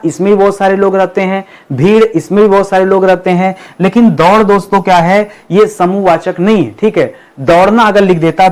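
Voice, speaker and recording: High-voiced man teaching grammar. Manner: repeats "ठीक है" and addresses students as friends; slows down to spell out example sentences. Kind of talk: quiz lesson explanation.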